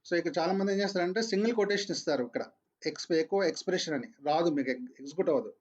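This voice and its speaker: A man's voice: high voice, animated, very fast. A man teaching a programming class online, repeating his points patiently. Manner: repeats points, mixes English into Telugu.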